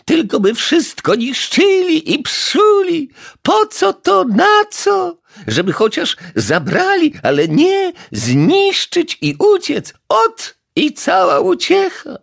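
A grumbling elderly widow neighbour, huffy and shrill. Her scolding falsetto sits far above a man's voice and swoops widely. The sound is soft and slightly breathy, like a storybook reading. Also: huge pitch swings, slow pace, exaggerated voice. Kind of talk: audiobook character voice.

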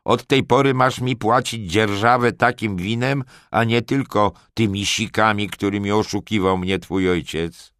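A man voicing an arrogant, bullying nobleman in an audiobook, loud, mocking and commanding. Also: low voice, measured pace, no echo, clean studio sound. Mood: scornful. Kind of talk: audiobook character voice.

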